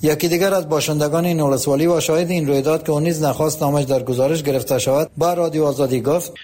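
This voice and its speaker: A male radio reporter with a fairly high yet mellow, warm voice. He narrates a scripted news report in an even, formal tone.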